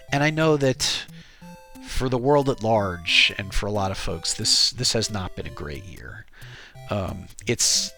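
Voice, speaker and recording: An American man chatting on his stream with a stuffy, nasal voice from a cold. He talks slowly and unhurriedly in a bright, forward tone, drifting between thoughts with fillers and restarts. Faint music plays underneath. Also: on the low side. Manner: rambling, with many fillers and restarts. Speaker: streamer and game developer. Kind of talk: casual live-stream chat.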